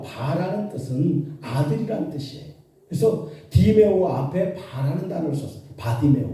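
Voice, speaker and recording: A male pastor delivers a sermon in a church sanctuary, acting out the people of his story in voiced quotes. His voice is dark and heavy, and it swings widely in pitch. He is heard from a distance, with a strong hall echo around every word. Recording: echoey church hall from far off.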